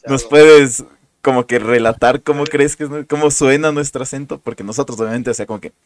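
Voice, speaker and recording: A man's voice: mid-range voice, fairly quick, dry recording. Host, man with a Quito accent, easygoing questioner with a mid-range voice. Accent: Quito Ecuadorian Spanish. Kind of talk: casual interview.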